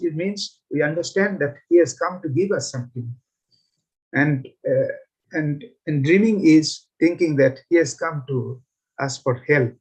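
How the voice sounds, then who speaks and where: Earnest male attendee, slightly high voice; explanatory devotional remarks. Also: darkish tone, breathy edge, poor audio. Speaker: class attendee commenting. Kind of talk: devotional comment.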